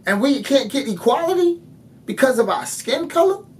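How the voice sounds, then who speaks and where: A man's voice: very high voice, big pitch swings, normal speed, a little hiss or hum. A young man delivering an impassioned, blunt monologue to camera, full of profanity and rhetorical questions. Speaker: video creator.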